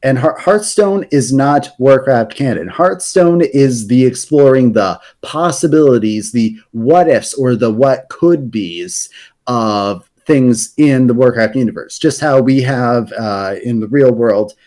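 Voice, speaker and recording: On a podcast, a man with a mid-range, slightly mellow voice explains fantasy game lore at a somewhat slow pace. He rambles casually, correcting himself and restarting often, his speech full of hesitant fillers.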